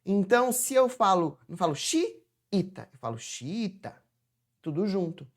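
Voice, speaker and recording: A woman's voice: mid-range voice, animated, quick pace. A woman with a Brazilian Portuguese accent teaching a grammar lesson. She asks herself questions and then answers them with emphasis.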